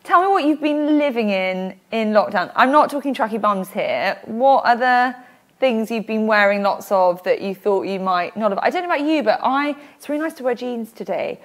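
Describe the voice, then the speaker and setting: Woman, thirties, host, chatty, higher pitch, small studio. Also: animated, normal speed. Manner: chatty, laughs often, gestures while talking. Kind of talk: casual studio chat. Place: small studio with floral wallpaper.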